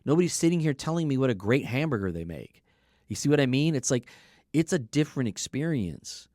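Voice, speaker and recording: In a relaxed podcast chat, a man who coaches car dealership service departments lays out his points and tells stories in a conversational manner. His medium-pitched voice is brisk, sing-song, and a little mellow. The recording is dry and of studio quality.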